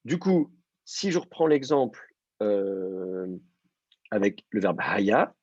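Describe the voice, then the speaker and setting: Husky man teaching with patient explanations. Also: fairly low pitch, sing-song, slow, darkish tone. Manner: patient, explains step by step with many fillers. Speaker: Hebrew teacher. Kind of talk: online class explanation. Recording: dull lo-fi dry sound.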